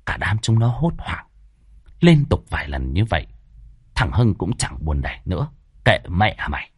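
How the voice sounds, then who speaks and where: A man tells a ghost story in a low, husky voice, and his pitch rises and falls dramatically from one phrase to the next. The sound is dry and close, with no room around it. He builds suspense with pauses. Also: big pitch swings, no echo. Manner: dramatic, varied delivery with tense pauses. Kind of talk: scripted ghost story narration.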